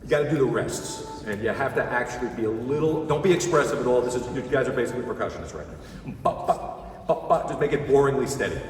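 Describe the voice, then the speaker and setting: A man conducting an orchestra rehearsal who gives brisk, encouraging instructions, sings rhythms on "ba" syllables and counts the players in. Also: mid-range voice, a little mellow, slight background noise. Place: large concert hall. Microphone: distant room mic. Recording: echoey concert hall from far off, orchestra behind.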